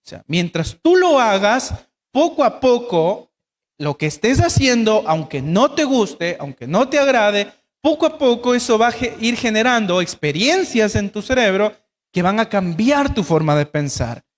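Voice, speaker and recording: A man's voice: sits high, big pitch swings, unhurried, in a large hall. A man preaching a sermon as pastor, asking his congregation rhetorical questions. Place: church.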